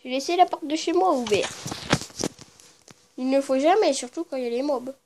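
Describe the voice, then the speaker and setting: Woman gamer, high pitch, casual play-by-play, murmurs then sudden startled cries, cusses freely. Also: moderate pace, background noise. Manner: muttering low, then bursting into startled shrieks and swearing; chatty with viewers, talks to the game creatures. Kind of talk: casual game commentary.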